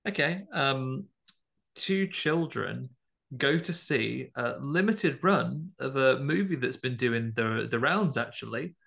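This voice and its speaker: A man's voice: medium pitch, expressive, slow pace, creaky, a bit bright. A man, co-hosting a podcast and setting word puzzles in casual chat, hesitant with many ums and chuckles. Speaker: podcast co-host.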